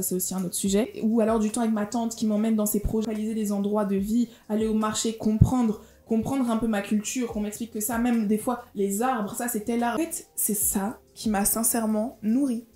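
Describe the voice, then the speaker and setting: A woman in her twenties from France and Gabon, with a French accent with touches of Marseille and Gabon, talking straight to her viewers in a casual personal vlog. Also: mid-range voice. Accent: French, mixed Marseille and Gabonese touches. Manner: fast, lively, chatty, addresses viewers directly. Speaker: vlogger. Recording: roomy room echo, faint music.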